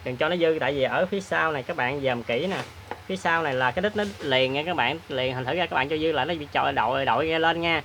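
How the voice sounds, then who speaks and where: Man, chatty repair tutorial, lots of filler pauses, bright tone. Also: on the high side, a little hiss or hum. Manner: chatty, plain-spoken, many filler pauses. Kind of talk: hands-on repair demonstration.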